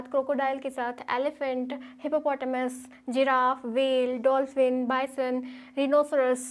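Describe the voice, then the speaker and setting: High-voiced Indian woman teaching. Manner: explains in Hindi, checks in with frequent "theek hai". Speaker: English teacher. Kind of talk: classroom lecture over slides.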